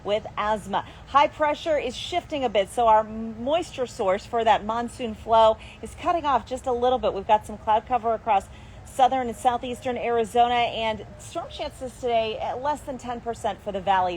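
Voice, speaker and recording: A woman TV weather forecaster giving an upbeat, brisk live report from an outdoor patio garden. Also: on the high side, a little hiss or hum. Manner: upbeat, brisk broadcast delivery.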